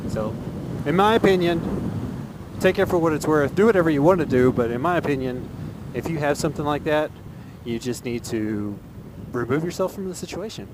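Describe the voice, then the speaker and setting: Higher-pitched male motovlogger talking inside a helmet. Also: a little fast. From Texas, USA. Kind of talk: casual opinion monologue while riding. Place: inside a motorcycle helmet, outdoors on the road. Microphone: helmet microphone. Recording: inside a helmet, loud wind and engine noise.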